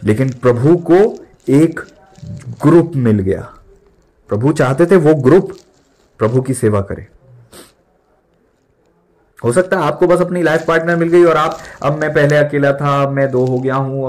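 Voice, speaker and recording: A man's voice: medium pitch, a little slow, pauses often, darkish tone. A young man in his twenties preaching an emphatic sermon as a pastor, mixing in English words and repeating lines for stress.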